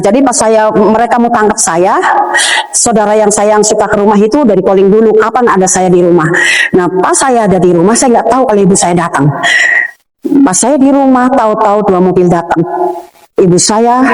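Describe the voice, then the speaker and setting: A woman's voice: mid-range voice, a little mellow. A middle-aged woman from Banten giving a personal religious testimony, telling her story emotionally and vividly with frequent hesitations. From Banten, Indonesia. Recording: echoey room with long reverb.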